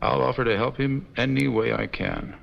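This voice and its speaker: An actor playing a proud, protective mining lawyer and husband who speaks with impassioned tenderness. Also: male voice, medium pitch, moderate pace, gravelly. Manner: impassioned, tender toward his wife. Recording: dull 1950s TV soundtrack with music.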